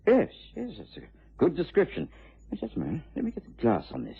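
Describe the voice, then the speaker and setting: An actor playing an obliging, bluff English gentleman doctor in a vintage radio drama, with a hesitant, exclamatory manner. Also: medium pitch, huge pitch swings, fairly quick, vocal fry, slightly rough, full character voice. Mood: surprised, examining. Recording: muffled old radio drama recording.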